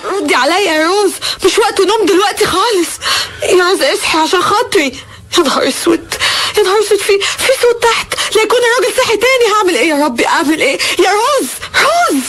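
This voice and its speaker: An actress playing a frightened young caretaker who pleads in a panicked voice with an Egyptian Arabic accent. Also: female voice, very high voice, lively intonation, fast, fairly bright tone, soft background music. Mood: terrified.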